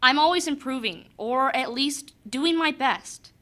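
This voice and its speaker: High, bright teenage girl giving a speech. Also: measured pace. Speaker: student election candidate. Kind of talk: scripted motivational campaign speech.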